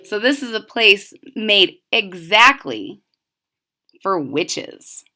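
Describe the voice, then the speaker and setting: Her mid-range voice is bright and forceful and moves in big pitch swings as she expressively reads a children's story aloud. She stresses and draws out the key words for dramatic effect and adds asides that explain things.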